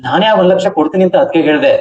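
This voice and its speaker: A man plays an earnest young brother-in-law in a TV serial who gives heartfelt, speechifying appeals. He talks quickly at an ordinary male pitch, and the TV audio sounds dull and lo-fi. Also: lightly acted. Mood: explaining. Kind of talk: TV serial acting.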